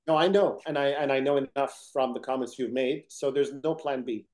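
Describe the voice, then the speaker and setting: Man from egypt and sudan, middle-aged, earnest interview guest, determined storytelling tone, mid pitch. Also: moderate pace, darkish tone. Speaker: interview guest, company founder. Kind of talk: conversational interview.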